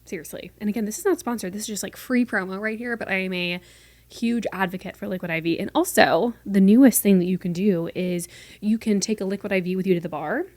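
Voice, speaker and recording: A slightly mellow mid-range voice, free of room sound, belongs to a podcast host in her twenties from North Carolina. Recording solo and casually from her room, she's fast-talking, chatty and playful, with a largely neutral American accent and an occasional light Southern lilt.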